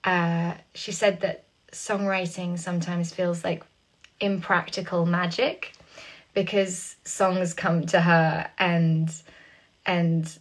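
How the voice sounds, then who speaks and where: A woman's voice: lowish voice, level tone, slow. A young English woman chatting on a phone livestream from her room, rambling, laughing often and reading viewer questions aloud. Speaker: singer hosting a live stream. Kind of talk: casual chat.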